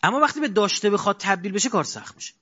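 A man giving a colloquial sermon, asking his audience rhetorical questions and moving between loud and quiet stretches. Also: high-pitched, expressive, slightly rough. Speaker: preacher. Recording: dull lo-fi recording.

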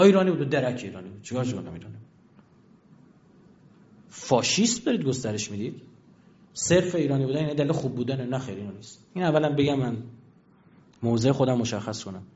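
A man giving an argumentative lecture, firing rhetorical questions at his listeners and slowly reading out dictionary entries and verses. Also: medium pitch, darkish tone. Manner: emphatic, rhetorical questions to the audience. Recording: dull lo-fi recording.

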